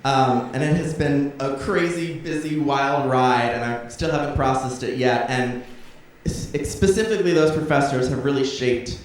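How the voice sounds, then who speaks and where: A man in his twenties, speaking at a moderate pace in a mid-range voice, delivers an informal, chatty and effusive thank-you speech from a theatre stage before an audience. The sound is echoey and distant, with audience noise.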